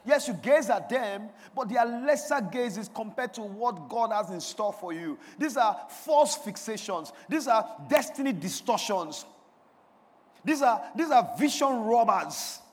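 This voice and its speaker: This sermon comes from a male pastor whose voice is strikingly high and animated, delivered at a measured pace in call-and-response style. Quiet questions build into loud, emphatic declarations, echoing through the long reverb of a big church hall.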